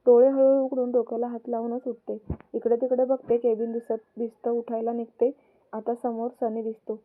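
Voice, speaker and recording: Storyteller: woman, mellow dark tone, flat even delivery, steady plain telling. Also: fairly high pitch. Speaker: story narrator. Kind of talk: storybook reading.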